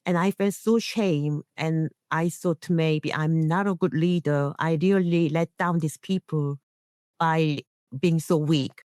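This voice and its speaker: A woman's voice: sits low, steady tone, takes it slowly, a little mellow, no room sound, clean studio sound. A middle-aged woman, an English speaker, giving an earnest personal account as an interview guest. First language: not English. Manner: earnest, non-native phrasing. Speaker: guest, internationally trained nurse and leader.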